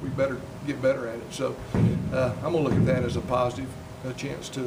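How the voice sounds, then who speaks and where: An older man, a head football coach, answering postgame questions in a steady, plainspoken way with many fillers. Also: mid-range voice, fast talker, creaky. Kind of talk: postgame interview. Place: indoor interview backdrop. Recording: distant mic with loud noise.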